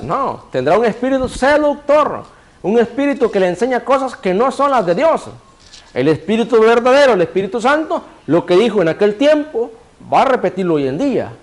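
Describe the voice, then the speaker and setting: Male preacher, high voice, sermon delivery, rhetorical questions answered himself, cues a reader to repeat verses. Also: sing-song, fairly quick. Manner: asks the congregation rhetorical questions and answers them; directs a reader to repeat scripture phrases.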